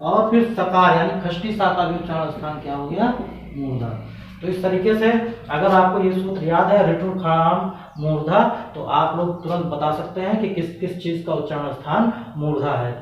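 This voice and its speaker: A man's voice: a little high, slight background noise. Man teaching in an echoey room. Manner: patient, repeats questions and answers them himself. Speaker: Hindi grammar teacher. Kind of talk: exam-prep lesson. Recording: echoey room, voice from a distance, dull sound.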